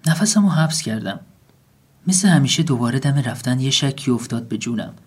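A man narrating a comic first-person story in a deadpan tone. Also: medium pitch, breathy edge. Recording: faint music behind.

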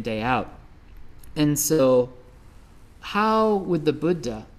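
A middle-aged Midwestern man giving a Buddhist dharma talk as a teacher, telling stories conversationally with many fillers. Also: mid-range voice. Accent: Midwestern American.

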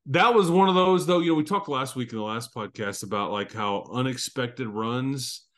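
A man's voice: mid-range voice, moderate pace. A man in his fifties hosting a casual sports podcast. He reminisces at length and keeps circling back to restart his stories. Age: 50s. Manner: rambling, reminiscing storyteller. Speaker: podcast host.

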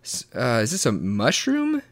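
Speaking unhurriedly at medium pitch with huge swings in intonation, this guest is a man in his late twenties chatting casually. His talk meanders, he frequently starts words over, and he adds sarcastic remarks.

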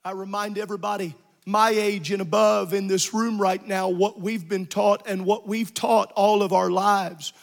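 A middle-aged man, a pastor, preaching an evening sermon, building to shouts with quick asides. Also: high-pitched, steady tone, creaky, in a large hall. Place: church sanctuary.

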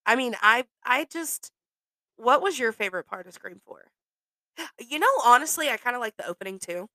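A woman's voice: on the high side, expressive, normal speed, bright, forceful tone, no echo. A woman co-hosting a podcast, chatting casually and with enthusiasm. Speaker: podcast co-host. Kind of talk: casual chat.

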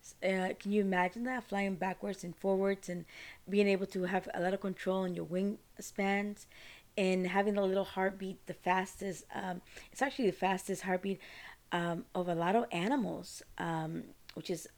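A woman's voice: medium pitch, fairly even intonation, moderate pace, darkish tone. A woman from Costa Rica hosting a podcast, talking on her own in a chatty, rambling, informal way. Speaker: podcast host. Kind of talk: casual solo monologue.

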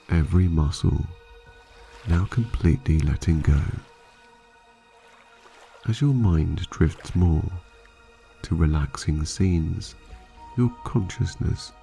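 A deep, creaky male voice guides a sleep meditation, sounding like a sleep story narrator. He stays calm, measured, and hypnotic, leaving long pauses between phrases as soft music plays behind him.

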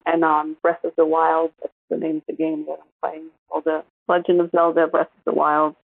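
A woman's voice: deep voice, completely flat delivery, brisk, vocal fry, dry recording. A woman co-hosting a podcast, chatting casually and laughing easily. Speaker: podcast co-host. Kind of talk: casual chat. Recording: tinny phone-like line.

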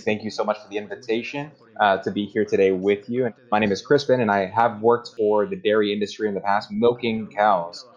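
Low-pitched man, translation voice-over. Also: steady tone, fairly quick, few pauses, soft background music. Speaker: interpreter giving a spoken translation of an interviewee. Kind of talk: translation voice-over, rendering another person's account in first person. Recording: dull, lo-fi online call sound.

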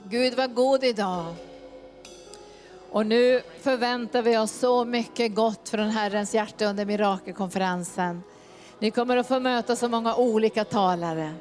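A woman leads charismatic prayer in a fervent, repetitive way, sometimes speaking in tongues. Her voice sits at a middle pitch. Soft instrumental music plays faintly behind her. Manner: fervent, repeats phrases, slips into speaking in tongues. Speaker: prayer leader.

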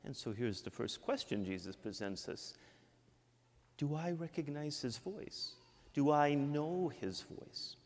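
A Midwestern American priest from Michigan delivers a sermon, his fairly low, slightly mellow voice carrying a long church reverb. His style is conversational, with frequent tag-ons of "right?".

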